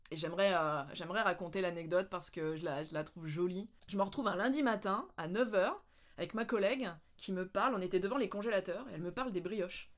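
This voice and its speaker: A French woman vlogging, telling anecdotes in a casual, animated way with lots of laughter. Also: lowish voice. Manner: animated, laughing, with playful English mimicry. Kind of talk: casual storytelling.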